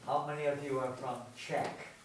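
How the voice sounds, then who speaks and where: A man's voice: mid-range voice, level tone. Man speaking in an echoey hall. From England. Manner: chatty, jokes with the audience, pauses for translation. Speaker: visiting speaker. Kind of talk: lecture with consecutive translation. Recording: echoey hall, voice from far off, noisy.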